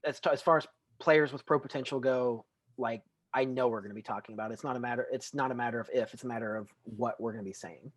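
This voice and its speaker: A man's voice: mid-range voice, steady tone, quick pace, no echo. A man co-hosting a casual college football podcast, rambling and stumbling over words with a dry sense of humor. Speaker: co-host. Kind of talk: casual sports podcast chat.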